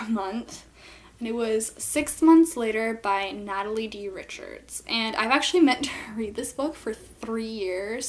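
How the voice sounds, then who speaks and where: A woman giving a casual book review, speaking informally and hesitantly as she searches for words. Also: a little high.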